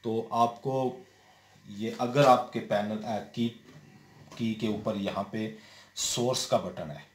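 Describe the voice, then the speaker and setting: A man with a lowish voice walks through a television repair, pausing on fillers and checking in with the viewer as he works. The room sounds echoey and a faint hum sits under him. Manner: explains step by step, many fillers and repeated "theek hai". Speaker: TV repair technician. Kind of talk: hands-on repair tutorial. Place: indoor room at a workbench. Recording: roomy echo with faint noise.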